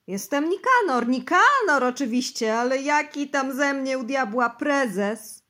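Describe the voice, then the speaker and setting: A woman's voice: high voice, lively intonation, slow, voice pushed up, heavily acted. A woman voicing a shrieking, panicky fat official. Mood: agitated. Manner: shouting, pleading, crossing himself. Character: panicking, pious, heavyset middle-aged official, a man.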